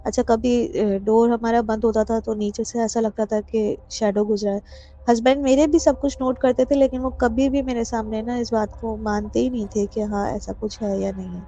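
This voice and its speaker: A woman from Pakistan recounts a true haunting in a fairly high but mellow, soft-edged voice, hesitating often and mixing in English words. She comes through a dull lo-fi phone voice note with faint music underneath. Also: fairly even intonation. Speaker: caller sharing a personal story. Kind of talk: telling a true ghost story.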